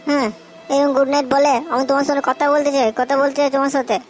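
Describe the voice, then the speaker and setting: A high-voiced, melodramatic young boyfriend, played by a woman in a comedy sketch. He pleads for attention and sinks into self-pitying laments. His talk is sulky and theatrical. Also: little pitch movement, racing, soft background music, natural voice, low-quality recording. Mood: whiny. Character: lovesick young male boyfriend, whiny and melodramatic.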